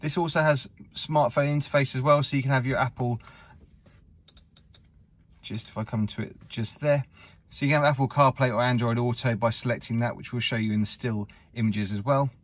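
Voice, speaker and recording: A man's voice: mid-range voice, steady tone, brisk. A man giving a casual walkaround of a used car in an indoor showroom, filmed on a handheld camera. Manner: upbeat salesman patter, filmed while walking. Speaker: car dealer presenting a used car. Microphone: camera held by the speaker.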